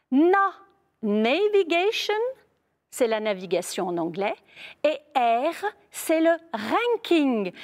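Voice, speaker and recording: A woman teacher giving a slow, clearly articulated spelling dictation, stressing each word she repeats. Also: sits high, big-room sound. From France. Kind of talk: spelling lesson video.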